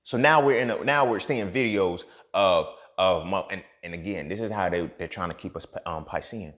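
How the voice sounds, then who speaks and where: In a profane, impassioned podcast monologue, a man in his thirties moves at a moderate pace, alternating between low muttering and sudden loud outbursts.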